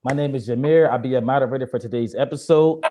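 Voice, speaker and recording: A man's voice: medium pitch, fast, mellow, a little hiss or hum. A young man moderating a casual panel chat in a joking, blunt and profane way. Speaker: moderator of a discussion show.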